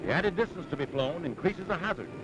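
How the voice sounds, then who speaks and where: A man's voice: a little high, animated, fairly quick, very noisy. Man narrating a 1940s newsreel. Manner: emphatic, dramatic announcer delivery.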